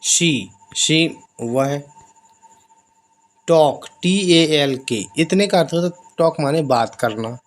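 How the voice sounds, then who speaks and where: A man teaching basic English in Hindi, explaining each example and repeating the phrases slowly. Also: fairly high pitch. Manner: slow, drawn-out repetition of example phrases.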